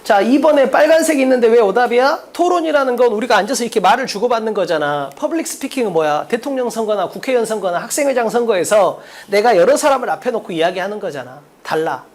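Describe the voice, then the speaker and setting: Exam-prep lecturer, lively swooping pitch, rhetorical questions, emphatic drilling at the board. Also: quick pace, hardly any pauses. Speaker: English exam-prep teacher. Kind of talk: mock-exam explanation lecture.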